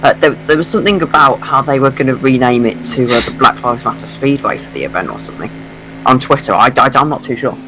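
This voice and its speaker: A man's voice: medium pitch, lively intonation, fast, background noise. A man chatting casually as a co-commentator on a motor racing stream. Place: at home.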